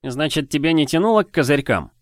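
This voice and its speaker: A man's voice: fairly high pitch, expressive, brisk, no room sound, pitched above the performer's own voice, natural voice. A brash, cheeky young boy who taunts in slang and likes to boss others around, as a man puts him on. The voice sits raised and swings up and down a lot. The recording is dry and close. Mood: taunting. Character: brash cocky boy, sharp-tongued and bossy.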